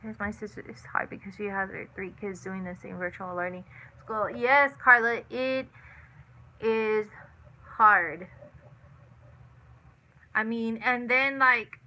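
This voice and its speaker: A woman's voice: medium pitch, takes it slowly, pauses often, sharp tone, rough recording. A woman in her thirties hosting a casual live chat, answering viewers and repeating herself with lots of "you know" and "like". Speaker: livestream host.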